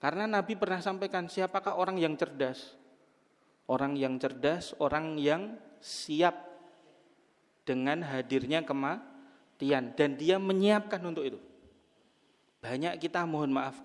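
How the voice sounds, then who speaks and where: A man's voice: mid-range voice, big-room sound. A man preaching to a women's study group in a mosque, telling stories with humor and asking the audience questions. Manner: humorous storytelling, jokes with audience.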